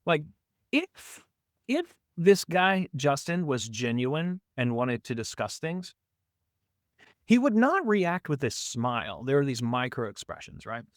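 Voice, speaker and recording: A man's voice: mid-range voice, very animated, measured pace, dry recording, clean studio sound. A man hosting a reaction video, commenting emphatically on a debate clip and asking rhetorical questions.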